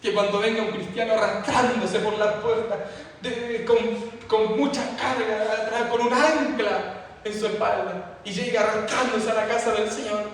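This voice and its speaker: A male pastor preaching a fervent sermon, repeating phrases as his emphasis builds, heard in a church hall. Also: high voice. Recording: echoey hall from far off, faint noise.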